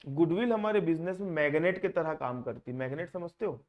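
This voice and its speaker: A man's voice: a little high, fairly quick, muffled recording. A man teaching an accounting class in Hindi, often asking his students questions and mixing in English terms. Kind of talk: classroom lecture.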